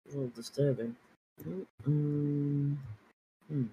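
A man chatting casually while gaming, quick to tease and jumping up in excitement. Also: on the high side, dull audio, faint music behind. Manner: animated, jumpy, teasing. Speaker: podcast guest.

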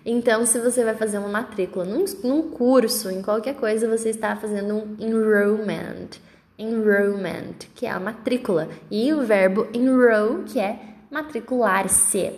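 A Brazilian woman with a Brazilian Portuguese accent talks through an English lesson for her podcast. Her voice sits a little high and she repeats each example word slowly and clearly. The room around her is echoey. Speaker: English teacher.

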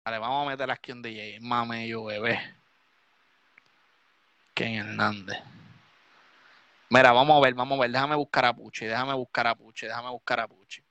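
A man's voice: mid-range voice, fairly even intonation, moderate pace, long pauses, pushed and bright, clear, resonant tone, no echo. A Puerto Rican man, a DJ hosting a live stream, ranting drunk and swearing heavily. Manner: profane, heated, repetitive ranting.

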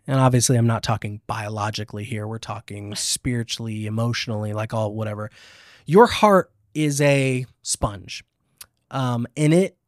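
A man's voice: medium pitch, no room sound, studio quality. A man hosting a casual faith podcast, talking emphatically with fillers and restarts. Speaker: podcast host.

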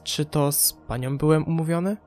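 A man's voice: fairly high pitch, moderate pace, darkish tone, soft background music, natural voice. A man voicing a polite, persuasive, ambitious male journalist in an audiobook.

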